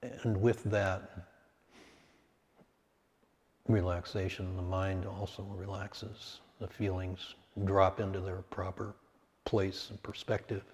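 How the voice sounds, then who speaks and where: A man guides a meditation in a deep voice, speaking calmly in short, measured phrases separated by long pauses.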